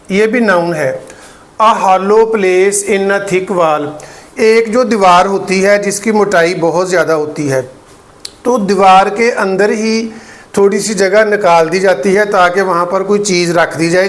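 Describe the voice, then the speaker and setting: A man from Pakistan with a Pakistani Urdu accent, teaching English pronunciation and slowly repeating each word for practice. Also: high-pitched. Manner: slow, deliberate, repeats words for drill; explains patiently, checks in with "ठीक है". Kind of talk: pronunciation lesson.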